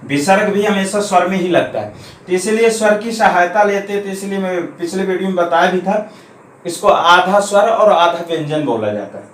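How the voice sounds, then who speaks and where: A man with a slightly high voice teaches a grammar lesson, going through each point patiently and repeating key terms slowly. He is recorded in an echoey room with a faint hum behind him.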